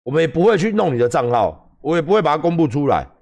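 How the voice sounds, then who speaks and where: A man with a Taiwanese accent hosting a livestream, ranting and swearing loudly, switching between mocking shouts and low muttered asides. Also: big pitch swings, fast. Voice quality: loud, swings between yelling and muttering. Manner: shouting profanity, mocking impressions. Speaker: livestream host, gym owner. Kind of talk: angry livestream rant.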